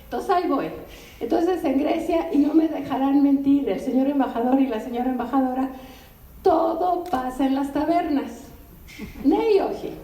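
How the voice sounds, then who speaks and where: Older woman, translator giving a talk, animated storytelling, high-pitched, recorded from a distance in a roomy bookstore. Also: normal speed. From Mexico. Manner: animated, conversational storytelling with asides to the audience. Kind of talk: anecdotal public talk. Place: bookstore event room. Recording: roomy, distant, faint ambient noise.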